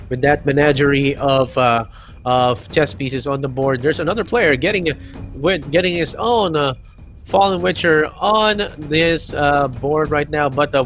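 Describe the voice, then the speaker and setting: A man giving live commentary on an esports match, speaking haltingly with many fillers. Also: mid-range voice. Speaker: esports caster. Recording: dull lo-fi stream audio with game music.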